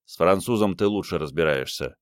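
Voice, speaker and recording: A male audiobook reader voicing a curt, gruff, tired man who leads a small squad. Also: sits low, brisk, dry recording, studio quality, natural voice.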